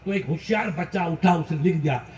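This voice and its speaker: A man in his fifties from India, preaching an impassioned sermon that rises into shouts, recorded at a distance in a large hall. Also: a little high, brisk. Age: 50s. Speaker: Islamic preacher. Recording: roomy, from far off the mic.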